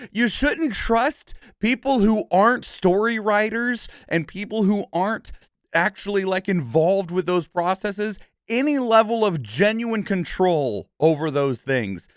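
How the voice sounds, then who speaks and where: A male streamer with a high voice delivers casual, opinionated game commentary, recorded with studio quality and no room sound. He speaks emphatically, swears casually, and keeps tagging his points with "okay?" and "right?"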